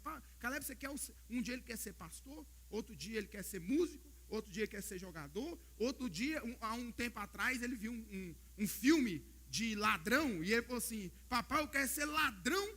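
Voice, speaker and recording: A male Brazilian pastor delivers his sermon with a very high, bright, pointed tone and a husky edge. His pitch rises and falls widely as he tells stories to his congregation. He keeps coming back to the brothers in the pews. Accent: Brazilian Portuguese. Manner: animated storytelling preacher, repeats "brothers" often. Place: church service.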